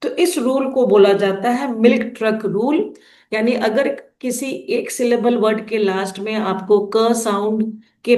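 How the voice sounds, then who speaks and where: A woman's voice: mid-range voice, darkish tone, echoey room. A woman explaining phonics rules to teachers in an instructional lesson, sounding out letters one at a time.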